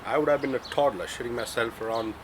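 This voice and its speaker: A man in his twenties with a cold and flu, chatting through a casual cricket match review, full of fillers and rising to excited emphasis. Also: mid-range voice, quick pace, noisy background. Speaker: cricket vlogger.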